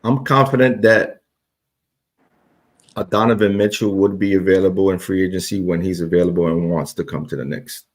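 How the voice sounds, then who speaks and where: A man's voice: deep voice, fairly even intonation, moderate pace. A man with a Brooklyn accent, in a casual sports debate.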